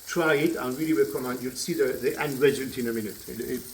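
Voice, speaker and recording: A man with a French accent, a chef giving a cooking demonstration in a kitchen, chatty and relaxed, often repeating words as he explains. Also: medium pitch, quick pace, slight background noise. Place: kitchen at the stove. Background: sizzling frying pan.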